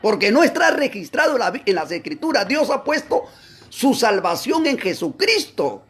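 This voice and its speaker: A man teaching a Bible class, preaching emphatically with rhetorical questions to his listeners, swinging between loud exclamations and low asides. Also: big pitch swings, moderate pace, slightly rough.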